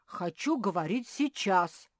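A woman's voice: mid-range voice, lively intonation, measured pace, a little mellow, dry recording, clean studio sound, lightly acted. A woman voicing a cheeky, boastful little boy bear cub, whining and easily muddled, in a storybook reading. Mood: indignant.

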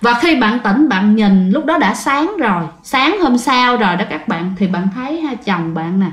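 A woman's voice: on the high side, animated, moderate pace. Woman telling a ghost story, roomy. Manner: addresses listeners directly, vivid. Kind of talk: spoken ghost story narration.

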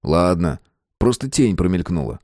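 A low-voiced young husband, wry and easygoing, who jokes his way through everything, as a male audiobook reader plays him. The sound is dry and close, with no room around it. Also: lively intonation, moderate pace, darkish tone, dry recording. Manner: joking, easygoing. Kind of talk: audiobook character voice.

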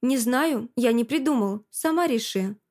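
A woman reads a domineering man in an audiobook, slow and commanding, never raising the stakes in his tone. Each line lands curt and unbending. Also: fairly high pitch, expressive, darkish tone.

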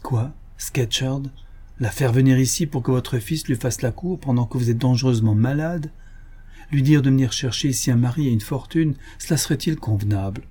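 A patient country doctor, kind but unbending, voiced by a male audiobook reader in a mellow, husky, steady tone. He turns down demands in a measured, gentle way, a storybook figure of quiet firmness. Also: medium pitch, close to an everyday voice. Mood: calm, firm. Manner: gentle, measured and firm refusals.

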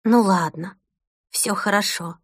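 A woman voicing a harried young mother who scolds briskly, then turns soft and soothing. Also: medium pitch, slightly rough, dry recording, studio quality.

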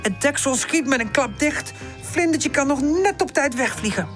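A woman narrating a children's storybook in a gentle, expressive way. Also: sits high, moderate pace, faint music behind. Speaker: audiobook narrator.

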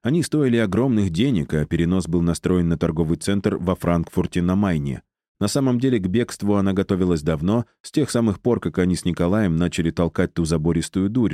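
A male audiobook narrator with a deep, dark voice. He reads in a measured, even way. The sound is dry and close. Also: dry recording. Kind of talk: scripted narration.

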